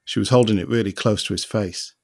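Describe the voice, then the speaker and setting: A man's voice: lowish voice, fairly quick, gravelly, darkish tone, dry recording, clean studio sound. A man in his late fifties reading a short story aloud, voicing a worried young father describing his troubles. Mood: troubled.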